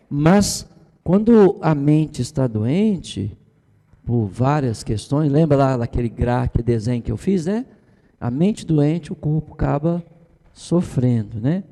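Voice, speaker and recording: A man's voice: a little high, dark tone. Middle-aged man teaching with long reverb. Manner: conversational, tag questions, mimics the people he quotes. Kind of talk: informal church teaching.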